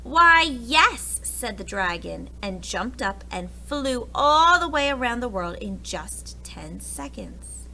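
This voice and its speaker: A woman teacher reading a storybook aloud to young children in an animated style. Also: mid-range voice, slow pace, gravelly, few pauses, low-quality recording.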